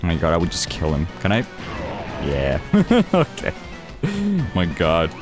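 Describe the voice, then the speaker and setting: A man's voice: low voice, wildly swooping pitch, a little slow, over music. A man giving joking, casual commentary while playing a video game. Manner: joking, exclamatory. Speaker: let's player.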